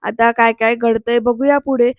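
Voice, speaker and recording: A woman's voice: fairly high pitch, fairly even intonation, moderate pace, dry recording, dull audio. A woman narrating a casual voice-over recap of a TV serial, chatting directly to her viewers.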